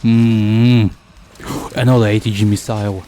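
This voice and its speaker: A young man chats loosely over his gameplay, stopping and restarting his thoughts. His voice sits low and soft-edged. A faint hiss runs under it. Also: level tone. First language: Russian. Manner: rambling, halting, heavy with fillers. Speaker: streamer. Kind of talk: casual gameplay commentary.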